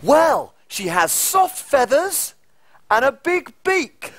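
An actor playing a tiny, excitable, cheerful cook, speaking in an exaggerated, animated children's TV storytelling manner. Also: male voice, very high-pitched, very slow, full character voice. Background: music.

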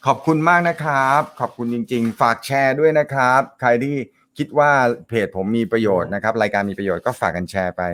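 A man with a loud, carrying voice runs a casual live show. He jokes, laughs often and chats his way through viewer comments. His pitch sits in an ordinary middle range. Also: lively intonation, fairly quick, few pauses. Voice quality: naturally loud voice. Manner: joking, laughs often, chatty. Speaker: host of a snooker live show.

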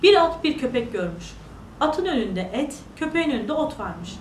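A woman tells a bedtime fairy tale in a lively, sing-song way, her voice high and swinging widely in pitch. The recording sounds echoey and set a little far from the mic. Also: normal speed, slight background noise. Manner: animated, sing-song storytelling. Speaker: storyteller. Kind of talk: children's fairy tale narration.

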